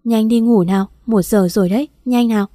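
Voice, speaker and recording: A woman voicing a doting young husband, gentle and coaxing, in a read-aloud story. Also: fairly high pitch, steady tone, a little fast, dry recording, clean studio sound, natural voice.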